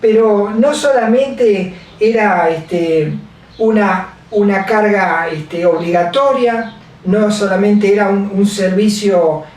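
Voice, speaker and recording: A woman preacher giving a sermon, halting and repeating her scripture references with many fillers. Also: medium pitch, a little mellow. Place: large echoey church hall. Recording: very echoey hall from far off.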